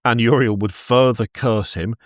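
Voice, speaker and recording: A man's voice: mid-range voice, fairly even intonation, moderate pace, no echo, clean studio sound. A man hosting a podcast, retelling lore in casual chat and laughing often mid-sentence. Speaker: podcast host narrating lore.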